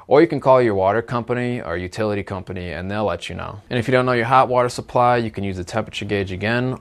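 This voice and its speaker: A product presenter, a young man in his twenties, explains a plumbing product in a video. He speaks a little low in a plain, instructional way, captured cleanly in a studio.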